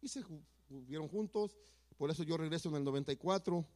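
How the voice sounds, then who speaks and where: High-voiced man giving testimony. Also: fairly quick. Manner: earnest, swings from hushed to emphatic. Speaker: church member giving testimony. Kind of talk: personal testimony storytelling.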